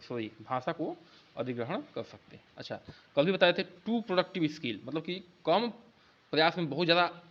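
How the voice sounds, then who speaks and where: A man teaching an exam-prep lesson in Hindi, explaining each answer and reading the English questions out slowly, word by word. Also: on the high side. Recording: dull lo-fi sound.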